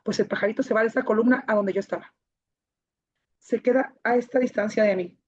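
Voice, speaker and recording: A woman's voice: a little high, brisk, darkish tone. A woman telling her life story to an audience in an emotional testimony, repeating key phrases for emphasis. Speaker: speaker sharing her life story, founder of a child-protection association. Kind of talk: personal testimony talk to an audience. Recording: dull, muffled recording.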